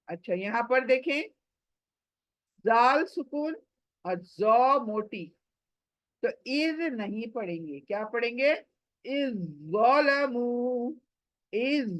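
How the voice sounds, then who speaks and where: A woman teaching a slow tajweed lesson, patiently repeating each word for learners to copy. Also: on the high side, dry recording, lo-fi sound. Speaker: Quran recitation teacher.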